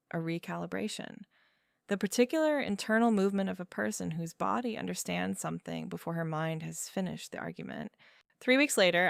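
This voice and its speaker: A woman in her thirties narrating a first-person story in a measured, wry way. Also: fairly low pitch, creaky, fairly bright tone, clean tone, no echo, clean studio sound. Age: 30s. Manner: measured, wry, with fillers and small laughs.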